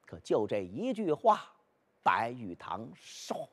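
A man performing traditional storytelling, animated and speaking directly to his listeners. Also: mid-range voice, slow, breathy edge. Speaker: pingshu storyteller.

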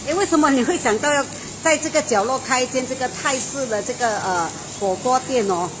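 This middle-aged Malaysian food show host has a high-pitched, brisk voice. She chats enthusiastically with the owner inside a restaurant for a casual review, full of fillers and exclamations, with noisy restaurant sounds behind her.

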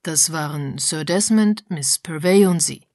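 A man's voice: a little high, unhurried, a little mellow, dry recording, clean studio sound. A woman reading an urgent, insistent male sleuth. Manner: urgent, raised voice.

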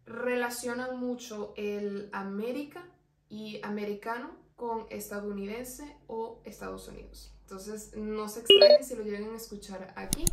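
A woman teaching an online language lesson, explaining patiently and slowing right down to spell out each example word. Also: medium pitch, gravelly, far from the mic. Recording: roomy echo, voice away from the mic.

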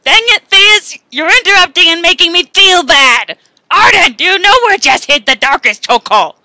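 A woman voicing an excitable, melodramatic young girl detective in a cartoon comedy skit, with theatrical shouted exclamations. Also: very high-pitched, moderate pace, no room sound, heavily acted. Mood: demanding. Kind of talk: animated comedy skit dialogue.

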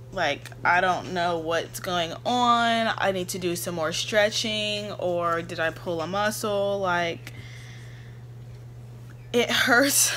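A woman's voice: on the low side, fairly bright tone, slight background noise. A young woman in a casual, rambling vlog, chatting to her viewers with easy laughs. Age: young adult. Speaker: vlogger. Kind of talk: casual chat.

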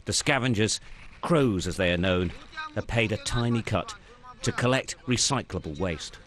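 An older man reporting and narrating a news report in a measured, grave way. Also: lowish voice, fairly bright tone.

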